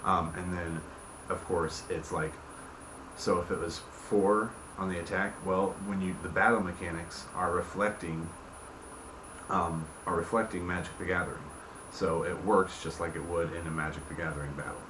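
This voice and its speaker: A low-pitched man with a steady tone walks through his game's rules as host, speaking informally at normal speed. He often checks in with "okay," "right," or "you see what I'm saying," and the recording has roomy echo and clear background noise.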